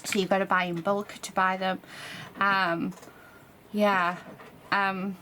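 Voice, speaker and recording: A woman's voice: mid-range voice, little pitch movement, takes it slowly, sharp tone. A British woman casually chatting and thinking aloud as she demonstrates a craft, in the manner of a hands-on vlogger. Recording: clear background noise. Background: printer running in the background in part.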